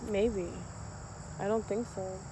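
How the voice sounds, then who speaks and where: Loud outdoor noise of insects and vehicles surrounds a woman with a mid-range voice. She co-hosts a paranormal investigation, making short, tentative, casual observations as she goes. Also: medium pitch, steady tone, takes it slowly. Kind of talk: casual chat while watching a meter. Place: outdoors by disused train tracks.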